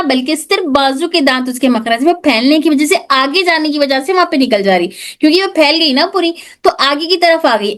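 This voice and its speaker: Brief: female tajweed teacher, high voice, patient drilling of sounds. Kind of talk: online class lesson.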